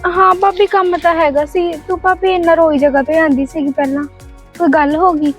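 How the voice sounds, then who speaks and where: A woman's voice: extremely high pitch, fairly even intonation, brisk, soft background music. A woman playing a sympathetic young sister-in-law, coaxing and consoling, in a family drama. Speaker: husband's sister. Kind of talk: village family drama acting.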